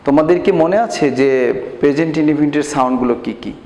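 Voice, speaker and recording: A man teaching a grammar lesson to a class. He patiently asks questions, answers them himself and slows down to spell out examples, in a Bangladeshi Bengali accent. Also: a little high, warm tone. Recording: echoey room with long reverb.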